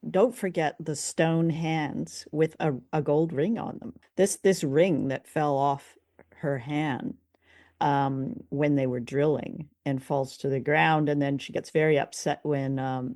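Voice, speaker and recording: A woman co-hosting a podcast, leading the chat with lively, curious questions about an old radio play. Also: low voice, no echo, clean studio sound. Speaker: podcast co-host. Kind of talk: casual review discussion.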